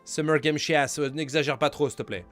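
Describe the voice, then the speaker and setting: A man hosting a live stream, talking casually to his chat. His voice sits a little on the high side. He jokes, teases and plays up a mock-grandiose manner. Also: brisk, a bit bright, faint music behind. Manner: joking, theatrical, mock-grandiose banter with chat. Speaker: streamer commenting a live game show.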